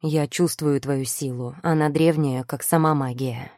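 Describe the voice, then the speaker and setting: A woman playing a sleepy, teasing young male warlock husband who speaks low, muffled and warm. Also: fairly even intonation, unhurried, dry recording, studio quality. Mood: drowsy, teasing.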